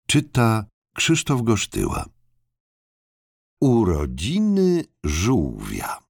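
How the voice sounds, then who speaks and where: A man narrating a children's audiobook in a very expressive, slow storytelling manner. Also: low-pitched, creaky, breathy edge, no room sound, studio quality.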